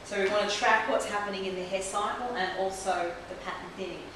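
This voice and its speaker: A woman's voice: mid-range voice, fairly even intonation, fairly quick. Woman trichologist, step-by-step demonstration, small clinic room, heavy room echo, distant camera mic. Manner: explains step by step while working on a client. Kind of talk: hands-on instructional demonstration. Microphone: camera mic from across the room. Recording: roomy echo from a distant camera mic, clear background hiss.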